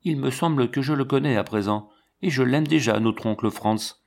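A man voicing a hardworking, steady teenage older brother in a storybook reading, earnest in tone. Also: mid-range voice, normal speed, voice pushed up, lightly acted.

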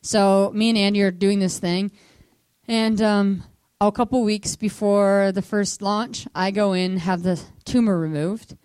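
A woman at a medium pitch tells her personal testimony to a missions school. She talks casually and fills it with "like", acting out quotes in hushed whispers and sudden high squeaks. Her voice sounds dry, with no room echo. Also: steady tone, a little slow, smooth. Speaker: speaker at a missions training school.

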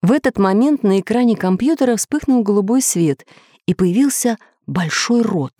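A woman narrating a children's story in an expressive reading voice. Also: medium pitch, normal speed, no echo, clean studio sound.

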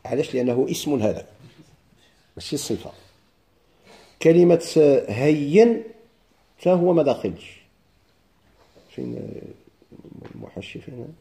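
Moroccan male grammar teacher, mellow tone, drilling call-and-response. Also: medium pitch, sing-song, vocal fry. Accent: Moroccan Arabic. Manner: drills students with questions and answers; chants verse slowly. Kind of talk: classroom lesson with questions.

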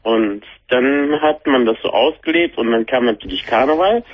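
A man's voice: medium pitch, animated, moderate pace, dry recording. A man in his mid-thirties from near Düsseldorf, calling a radio show and talking hesitantly with many fillers. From near Düsseldorf, Germany. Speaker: caller. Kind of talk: phone call to a radio talk show. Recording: tinny phone line on radio.

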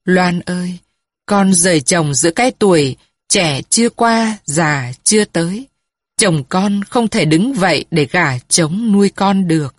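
A woman voicing a grieving old grandmother who speaks softly and pleadingly to her dead daughter, in a storybook reading. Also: fairly low pitch, measured pace, dry recording, clean studio sound. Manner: soft, mournful, pleading address.

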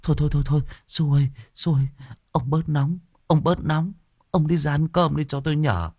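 A man putting on a shrill nagging village mother. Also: moderate pace, darkish tone, no echo, studio quality. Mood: pleading. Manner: scolding, fussing.

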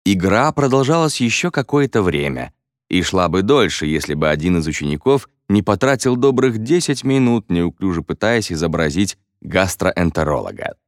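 Male audiobook narrator, playful and expressive, deep voice with lively melody. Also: moderate pace, no echo, clean studio sound.

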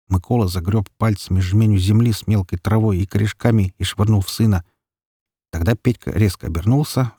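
A man reading a dark story as an audiobook narrator in a steady, even telling. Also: on the low side, no room sound, studio quality.

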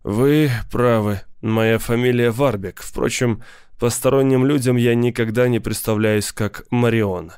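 A man's voice: medium pitch, fairly even intonation, unhurried, darkish tone, clean tone, no echo, clean studio sound, lightly acted. A man playing a pedantic, indignant schoolteacher. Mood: careful. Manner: fussy, pedantic, choosing words carefully. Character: educated middle-aged male schoolteacher, beaten, indignant.

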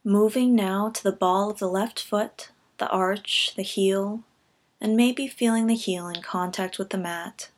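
A woman guides listeners through a scripted body scan meditation in a medium-pitched voice. She stays calm and gentle at a measured pace, softening as each phrase finishes.

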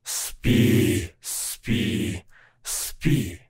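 A man voicing a chorus of ghostly dead warriors in an audiobook, hushed and chanting. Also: fairly high pitch, big pitch swings, drawn-out words, breathy edge, heavily acted. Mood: whispering.

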